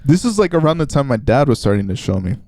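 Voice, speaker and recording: A man's voice: medium pitch, sing-song, fast, dark tone, no echo, clean studio sound. A man in his twenties on a casual podcast, telling a story with lots of laughs, swearing and quoted voices. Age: 20s. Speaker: podcast co-host. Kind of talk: casual chat.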